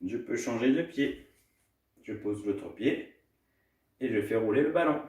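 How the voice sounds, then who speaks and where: A man coaches small children through a baby gym routine indoors at home, using a mid-range, darkish voice with lively intonation and a slightly slow pace. He demonstrates the moves while sounding cheerful and sing-song. The recording is echoey, and he is distant from the mic.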